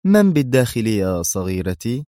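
A man reading a story aloud, voicing a calm, cold and sarcastic male spy hero. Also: fairly low pitch, moderate pace, no echo, studio quality. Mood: mocking.

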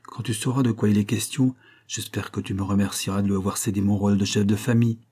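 A man voicing a cheerful, brisk elderly grandfather who is a doctor. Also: fairly low pitch, steady tone, dark tone, slightly rough. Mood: jovial. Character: jovial elderly grandfather doctor, head of the family.

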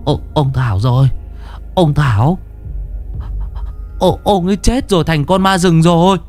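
A man's voice: fairly high pitch, measured pace, darkish tone, soft background music, pitched above the performer's own voice. A man voicing panicked young village men who stutter in fear.

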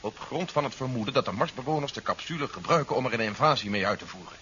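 A man's voice: medium pitch, lively intonation, fast, sharp tone. A man playing a resolute, coolly calculating general in a 1970s science fiction radio play, articulate and matter-of-fact. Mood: firm, persuasive. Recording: dull 1970s radio recording with hiss.

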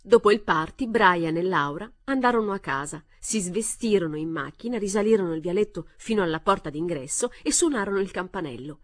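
Story narrator, woman, low voice, measured expressive reading, dry studio sound. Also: no echo. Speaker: reader. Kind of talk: audiobook reading of a short story.

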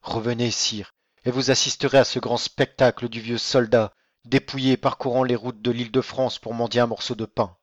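Rôle : un homme jouant un vieux noble déchu, père accablé, déclamatoire ; prise sèche, un peu étouffée. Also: male voice, on the low side, fairly even intonation, measured pace, fairly bright tone, no room sound, highs cut off, pitched below the performer's own voice. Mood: despairing. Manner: declamatory, grieving. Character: old ruined nobleman, proud, despairing father. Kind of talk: audiobook reading.

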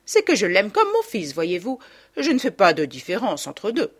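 A woman voicing a quick-tempered, domineering peasant mother who scolds and takes offense in a raised, histrionic voice, as part of an audiobook reading. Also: medium pitch, huge pitch swings, husky. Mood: indignant.

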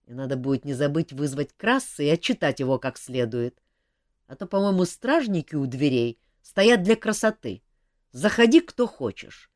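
A woman voicing an irritable, grumpy adult king who scolds gruffly. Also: low-pitched, big pitch swings, normal speed, no echo, studio quality. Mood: grumbling.

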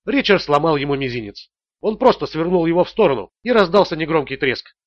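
A man narrating a thriller audiobook in a steady, measured way. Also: on the high side, dry recording, highs cut off.

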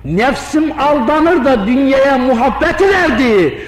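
A man's voice: very high voice, expressive, slow pace, exaggerated voice. A man voicing an earnest, pious young boy in a told story, pleading his case. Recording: echoey hall reverb.

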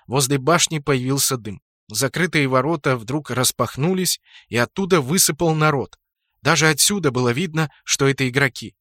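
A man reading a first-person fantasy audiobook in a steady, lightly ironic storytelling manner. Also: fairly high pitch, dry recording, clean studio sound. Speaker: audiobook narrator.

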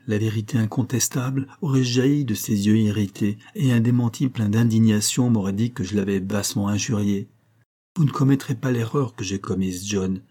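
A man reading a classic novel aloud as scripted narration, steady and lifting his voice for dialogue. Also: fairly low pitch, husky. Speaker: audiobook reader.

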